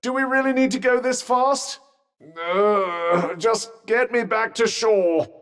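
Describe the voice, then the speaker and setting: Cuff, a pompous, reverberant British magical cuff. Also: male voice, very high voice, slow, fairly bright tone, clear, resonant tone, exaggerated voice. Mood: flustered. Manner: pompous, dry, sardonic, wordy. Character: sentient magic cuff, droll, haughty, fussy male companion. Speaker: video game voice actor. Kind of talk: scripted game character banter. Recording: long reverberant echo on the voice.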